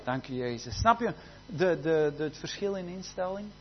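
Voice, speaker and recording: A man preaching a sermon, often saying amen and hallelujah, shifting between loud fervent exclamations and quiet intimate passages. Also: lively intonation, moderate pace. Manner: peppers speech with amen and hallelujah. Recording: dull low-fidelity recording with faint hum.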